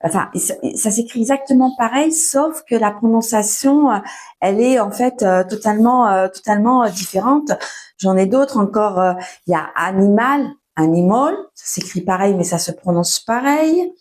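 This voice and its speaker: A young woman giving a casual, patient French lesson at home, often pausing with fillers and restarting her sentences. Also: a little high, darkish tone. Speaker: French teacher. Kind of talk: casual spoken lesson for learners.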